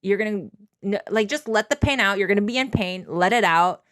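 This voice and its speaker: A woman's voice: medium pitch, fairly quick, fairly bright tone, no echo, clean studio sound. A young woman telling a personal story casually and candidly as a co-host, with lots of informal filler words. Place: small bedroom, indoors. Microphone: handheld microphone.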